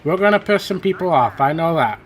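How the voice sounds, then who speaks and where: Expressive and fairly quick, this gaming channel host's voice sits on the high side as he gives rambling, self-correcting, chatty commentary on a racing game. His voice is worn from hours of talking, and a little hiss or hum can be heard.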